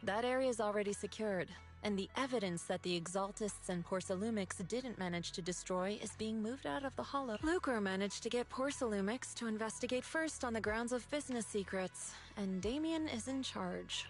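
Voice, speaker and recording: A woman's voice: mid-range voice, moderate pace, hardly any pauses, soft background music, lightly acted. A woman voicing a composed, resolute master of disciples in an anime-style video game. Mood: reflective.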